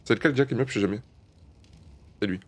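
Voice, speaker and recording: A man streaming a shooter game live, commenting as he plays, swearing often and mocking himself, with sudden high-pitched outbursts between calmer, low muttering. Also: rapid-fire, slight background noise.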